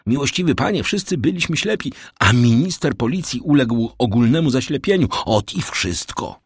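A man's voice: medium pitch, very animated, moderate pace, slightly rough, no room sound, clean studio sound, pitched above the performer's own voice. A man voicing an anxious male courtier who earnestly defends a minister before the king. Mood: protesting. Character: anxious male courtier, eager to excuse others.

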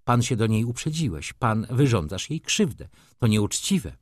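Voicing a haughty, capricious society lady in an audiobook, a man sounds offended, reproachful, and coquettish. His medium-pitched voice, set above his own natural register, swings widely in pitch at normal speed. It's a studio-quality recording with no echo.

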